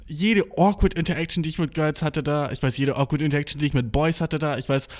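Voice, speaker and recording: A young man tells a story in a loose, casual monologue, full of slang, frequent swearing, and borrowed English words. He's excitable and self-mocking, trips over his words, and speaks quickly in a voice on the high side.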